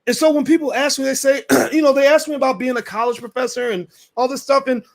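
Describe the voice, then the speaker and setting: High-voiced man, emphatic and hoarse. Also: steady tone, quick pace. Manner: emphatic, repeats words and restarts, colloquial. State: losing his voice. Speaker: host. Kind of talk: casual direct-to-camera talk.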